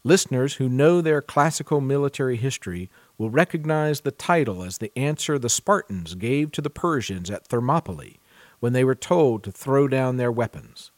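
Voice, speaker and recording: Medium in pitch with no room sound, this male podcast host and contributing editor opens his book show with scripted segments and news reading, then moves on to questioning a guest.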